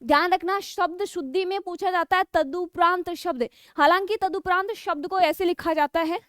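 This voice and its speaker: A woman teaching a Hindi spelling lesson for exam students, explaining step by step, slowing down to spell out key words, and checking in with her listeners. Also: very high voice, no room sound, studio quality. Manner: explains step by step, keeps checking with 'ठीक है'.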